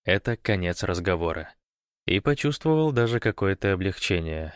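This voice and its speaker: A man with a low voice reads an audiobook in an even storytelling manner. The recording is dry and close, with no room around it. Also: normal speed, smooth, dry recording. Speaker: narrator. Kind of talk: audiobook narration.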